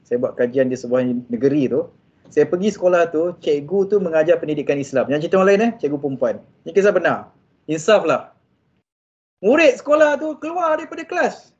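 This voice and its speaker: A Malaysian man giving an animated religious motivational talk to civil servants, mixing in English phrases and speaking straight to the audience. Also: a little high, fast. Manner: animated, mixes English phrases, often addresses audience directly. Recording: dull lo-fi sound.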